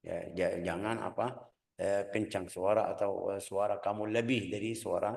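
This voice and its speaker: A man, teaching a hadith lesson in an animated, informal way and often mimicking loud calls. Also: sits low, normal speed, vocal fry, roomy sound. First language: Arabic. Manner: animated, mimics loud shouting, mixes in Arabic recitation.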